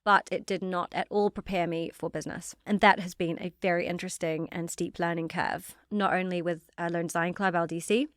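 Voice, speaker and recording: A young woman from New Zealand with a New Zealand accent, chatting as an interview guest about her career in a quick, self-deprecating way. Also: lowish voice, steady tone, no room sound, studio quality. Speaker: guest, fashion founder. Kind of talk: casual interview storytelling.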